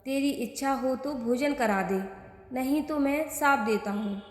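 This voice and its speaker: A woman reads the part of a stubborn male holy man from a storybook, laying down his terms one by one. The voice stays high and slow, ringing in a reverberant room. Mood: demanding. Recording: echoey room with long reverb.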